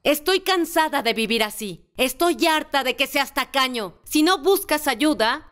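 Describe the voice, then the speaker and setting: A woman's voice: high-pitched, animated, measured pace, fairly bright tone. A woman dubbing an exasperated wife in her forties on a reality show, weary and complaining, in Spanish-dub style. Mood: angry. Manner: weary, fed-up complaining that builds to an angry confrontation. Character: exasperated wife, tired of a stingy husband.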